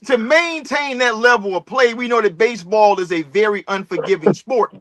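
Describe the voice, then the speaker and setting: Rambling high-voiced man, dry sound. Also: moderate pace, fairly bright tone, no room sound. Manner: rambling, filler-heavy, earnest. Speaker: filmmaker guest. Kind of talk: casual chat.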